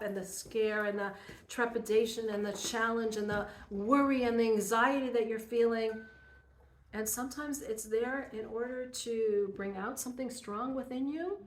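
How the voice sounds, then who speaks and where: A woman's voice: on the high side, a little hiss or hum. Earnest woman teaching a Torah class. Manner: earnest, animated storytelling to a group. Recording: roomy echo.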